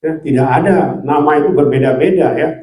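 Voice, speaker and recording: A man's voice: a little high, a little fast, mellow, reverberant, poor audio. A man preaching a sermon in an earnest teaching manner, tagging his points with short asides. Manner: earnest teaching with many filler "ya" tags.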